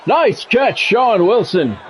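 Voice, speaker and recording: A high, fairly bright male voice with big pitch swings, delivered slowly. The speaker is an American man calling a football video game live in clipped radio-style sportscaster phrases while casually chatting with stream viewers, over background music on a dull lo-fi mic.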